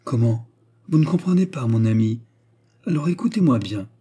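A man's voice: medium pitch, expressive, normal speed, dark tone, slightly rough. A man voicing a scheming young kept woman in an audiobook reading, pleading and then commanding her lover. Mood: coaxing.

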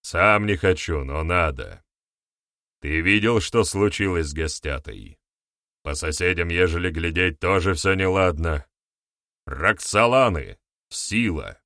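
A man brings to life a commanding warrior-chief in an audiobook, his voice raised and hammering each phrase. He talks slowly and heavily, with a dry close sound. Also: sits low, dry recording, full character voice. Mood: grave. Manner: forceful, emphatic, barking orders. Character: stern young male warrior-chief, commanding. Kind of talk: audiobook character voice.

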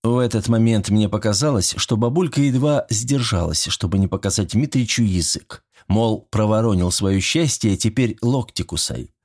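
A man narrating an audiobook in an even, measured way. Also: on the low side, slightly rough.

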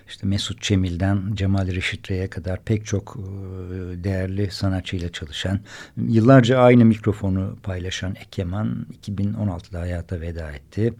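A male radio host narrates in a fairly low voice with heavy vocal fry. His semi-scripted delivery is halting, with hesitant phrasing. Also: warm tone.

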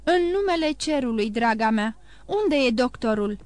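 A woman voicing a stern middle-aged male magistrate, shouting demands in alarm. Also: on the high side, animated, no room sound, natural voice. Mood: demanding.

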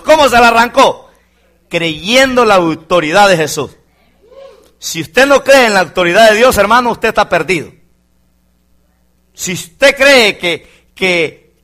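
A high, bright-voiced man preaching to his congregation. He swings his pitch widely and hammers his points home as he calls out to his listeners as brothers. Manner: fervent preaching, keeps addressing the congregation as brother. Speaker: pastor. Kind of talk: sermon. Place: church congregation.

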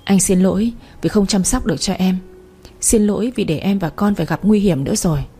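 A gentle young husband in a romance audiobook, read by a woman narrator. He speaks softly and soothingly, in a warm, mellow tone with a slightly husky edge. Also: mid-range voice, brisk, soft background music. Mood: tender. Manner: soft, soothing.

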